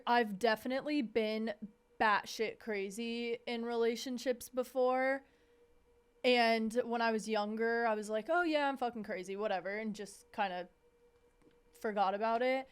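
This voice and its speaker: A woman in her twenties co-hosting a podcast, chatting casually in a blunt, profane and animated way. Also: on the high side, takes it slowly, smooth. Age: 20s. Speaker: podcast co-host. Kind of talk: casual chat.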